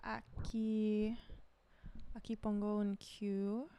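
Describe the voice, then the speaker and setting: A woman's voice: medium pitch, level tone, slow pace, mellow, a little hiss or hum. A young woman chatting casually while she works, rambling off on tangents and switching between English and Spanish as a learner. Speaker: vlogger preparing DJ sets. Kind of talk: casual chat while working.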